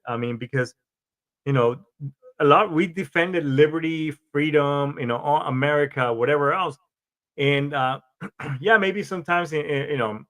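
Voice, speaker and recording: A man's voice: fairly high pitch, fairly bright tone. A man from Colombia, a Marine veteran, hosting a podcast in a rambling, casual monologue with frequent restarts and swearing.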